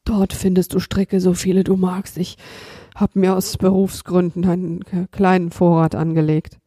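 A woman's voice: fairly low pitch, flat delivery, moderate pace, mellow, husky, no echo. A woman giving voice to a blustering, greedy male robber in a storybook reading. He stammers and hesitates, full of nervous fillers, in a dry, close sound. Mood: pleading, nervous.

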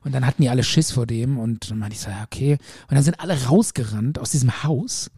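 A man casually chatting and retelling a long dream, lively and acting out what people in it said. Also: mid-range voice, fast, husky, dry recording, studio quality. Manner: lively storyteller who acts out quoted speech.

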